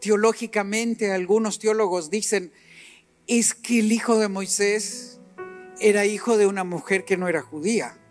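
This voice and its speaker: A middle-aged male preacher delivers a sermon in a high voice, swinging between quiet asides and forceful, emphatic peaks. He acts out short exchanges as he goes. Soft music plays faintly underneath. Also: normal speed. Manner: animated, acts out dialogue and rises to emphatic peaks.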